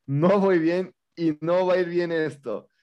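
A man's voice: on the high side, slow pace, highs cut off. A man with a Mexican accent co-hosting a movie review show, talking in slangy, incredulous rants in a casual, humorous chat.

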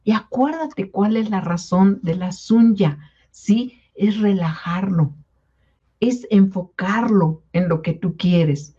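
A woman gives a casual wellness talk, speaking in a mellow, warm tone. She coaxes her listeners and keeps checking in with them. The recording sounds a little dull and muffled. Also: medium pitch, takes it slowly, breathy edge. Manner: coaxing, repeats "¿sí?" to check in with listeners. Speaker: wellness product presenter. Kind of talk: informal health talk to distributors.

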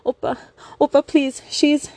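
A woman's voice: high-pitched, flat delivery, a little slow, a little mellow, no echo, pitched above the performer's own voice. A woman voicing an obsessive young female fan in a story, whiny, pleading and jealous, stammering as she talks. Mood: whiny, accusing.

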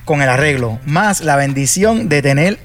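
A man's voice: a little high, lively intonation, moderate pace, music in the background. A man from Puerto Rico with a Puerto Rican accent, a salsa singer telling stories as a guest in a casual interview, full of fillers and restarts. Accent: Puerto Rican Spanish. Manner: chatty storyteller, many fillers and restarts.

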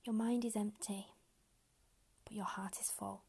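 Woman, meditation guide, whispers throughout, mellow and breathy, close-miked and unhurried. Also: mid-range voice, flat delivery. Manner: slow, soft, unhurried instructions.

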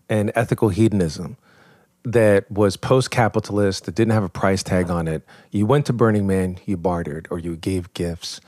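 A low-pitched man in his forties, from New York, recounts his past as a podcast guest. His telling is vivid and self-mocking, and the sound is dry and close. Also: a little mellow, dry recording. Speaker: guest, professor. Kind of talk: storytelling in a podcast interview.

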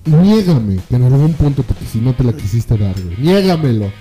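A man's voice: mid-range voice, very animated, brisk, dark tone, soft background music. A young man with a Mexican accent, chatting casually as a podcast co-host, teasing his friend with crude slang and acting out voices in his stories. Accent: Mexican Spanish. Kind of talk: casual chat.

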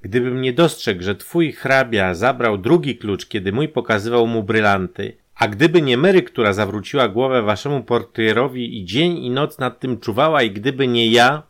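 A man's voice: on the low side, moderate pace, hardly any pauses, lightly acted. A man voicing a hot-tempered, greedy male butler in an audiobook, speaking sharply and angrily. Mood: angry. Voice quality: angry, sharp.

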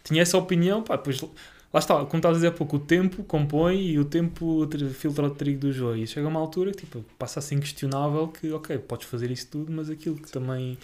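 Quick, higher-voiced European Portuguese man chatting. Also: fairly even intonation, darkish tone. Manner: agreeable, informal, slangy. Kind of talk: casual podcast conversation.

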